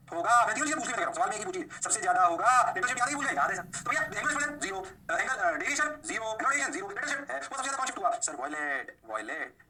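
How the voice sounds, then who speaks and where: Fast, bright-voiced male physics teacher. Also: distant mic. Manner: mixes Hindi and English, answers his own questions in a lowered voice. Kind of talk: lively classroom lecture.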